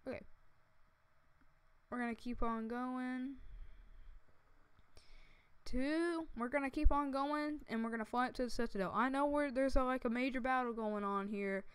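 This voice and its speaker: A woman giving casual, excitable commentary over her own gameplay, breaking into sudden dramatic outbursts, speaking into a headset mic. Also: high voice, normal speed, long pauses, smooth, dry recording. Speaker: gaming video creator. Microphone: headphones with mic.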